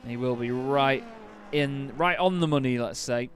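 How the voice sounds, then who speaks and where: A man calls live sim racing as the lead commentator, his motorsport-style delivery rising to excited calls. His voice sits in the mid range and moves a little slowly, with a faint hiss or hum on the recording.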